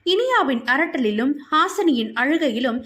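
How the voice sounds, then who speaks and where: A woman narrating a novel aloud in an even, measured storytelling voice. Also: high-pitched. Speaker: audiobook narrator.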